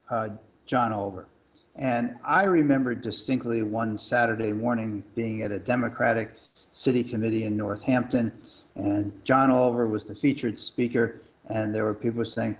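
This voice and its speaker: A man calling in over a clipped, breaking-up phone line, asking a long, halting question with restarts. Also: mid-range voice. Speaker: call-in guest asking a question. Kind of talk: casual radio call-in.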